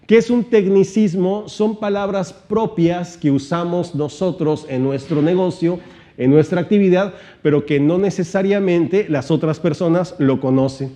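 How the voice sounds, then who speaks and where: A man giving an animated seminar-style teaching talk, shifting his volume and pitch and asking many rhetorical questions. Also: unhurried. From Mexico. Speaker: motivational trainer.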